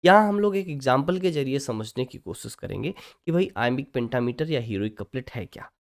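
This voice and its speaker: A teacher giving an online lecture who keeps stopping for short check-ins and reads out English terms slowly, syllable by syllable. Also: mid-range voice, animated, gravelly. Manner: checks in often with short confirming asides.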